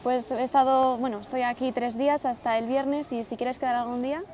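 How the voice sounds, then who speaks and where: A woman's voice: sits high, steady tone, darkish tone, slight background noise. A woman in her twenties from Salamanca, chatting up strangers in an outdoor park in a forward, upbeat way. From Spain, Salamanca. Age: 20s. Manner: forward, upbeat, quick to ask. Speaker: host of a street flirting experiment. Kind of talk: casual flirting with strangers.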